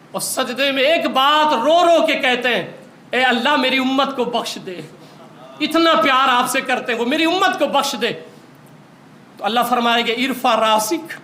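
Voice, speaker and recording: A man's voice: extremely high pitch, bright, forceful tone. A man preaching a sermon in an impassioned, rising voice, recorded in a large echoey hall.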